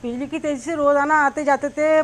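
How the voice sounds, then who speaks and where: A woman's voice: high voice, steady tone, brisk, background noise. A middle-aged woman, host of a cooking channel, chattily telling a long personal story while she cooks, with many small fillers.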